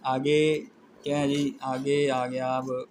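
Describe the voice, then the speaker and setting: Pakistani guy teaching shorthand, slow and flat, bit of noise behind. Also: medium pitch, low-quality recording. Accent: Pakistani Urdu. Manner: slow, methodical, spelling out letters one by one. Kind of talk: classroom lecture explaining shorthand strokes.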